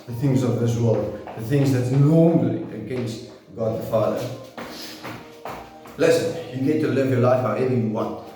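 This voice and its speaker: A man in his forties giving an earnest, preaching talk to camera about training and faith, with loose pauses and restarts. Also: mid-range voice, warm tone, distant mic. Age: 40s. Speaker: fitness and faith vlogger. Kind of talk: motivational monologue to camera. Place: small bare home training room with rubber mats. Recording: very echoey room, voice off-mic, music behind.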